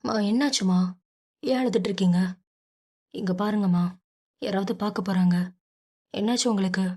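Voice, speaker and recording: A woman's voice: mid-range voice, normal speed, warm tone, lightly acted. Woman doing a breezy young man. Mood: reassuring. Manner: brushes off worry with a casual tone.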